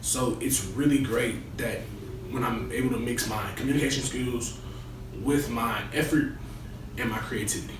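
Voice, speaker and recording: A man's voice: mid-range voice, moderate pace, close to an everyday voice. A young man playing a resident assistant in a comedy skit interview, talking colloquially about himself. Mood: earnest. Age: young adult. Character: young male resident assistant, cocky and boastful or earnest. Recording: echoey room, distant mic, noisy.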